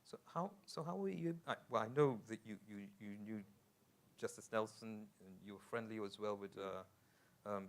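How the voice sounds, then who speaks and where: A man's voice: fairly low pitch, moderate pace. A man interviewing a guest, asking conversational questions and often repeating his opening words.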